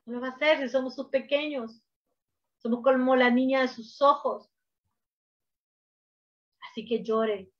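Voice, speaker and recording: A woman preacher delivering a sermon, emphatic, swinging from hushed to loud, on a dull lo-fi recording. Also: high-pitched.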